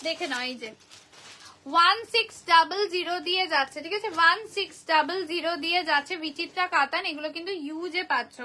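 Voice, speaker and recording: A woman's voice: very high-pitched, fast, pushed and bright. A woman with a Kolkata Bengali accent hosting a casual live sale of saris, chatty and repeating prices, her voice tired. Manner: chatty, repeats prices, greets viewers by name. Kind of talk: casual live-stream sales chat.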